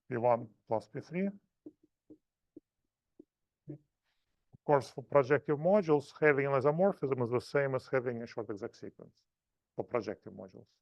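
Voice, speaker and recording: A man lecturing at a math seminar, thinking aloud in halting phrases and restarting often. His voice sits at a middle pitch. The sound is dry and a bit muffled. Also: no echo. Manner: halting, self-correcting explanations.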